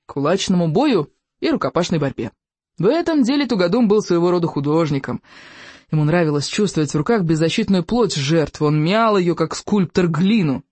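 An audiobook narrator reading a children's adventure story in an expressive, animated way. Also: mid-range voice, no room sound. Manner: lively, animated.

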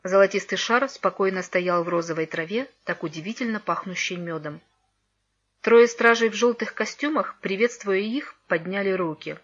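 Woman reading a kids story, calm, middle pitch, kinda muffled lo-fi. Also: normal speed. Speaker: narrator. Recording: dull lo-fi recording.

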